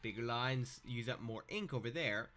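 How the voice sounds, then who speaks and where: A man's voice: medium pitch, normal speed, bright, forceful tone. A young man giving casual, sarcastic commentary over a video game he is playing, breaking off into joking asides. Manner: sarcastic, joking asides, wanders off mid-sentence. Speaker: let's-play gamer. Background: faint game music.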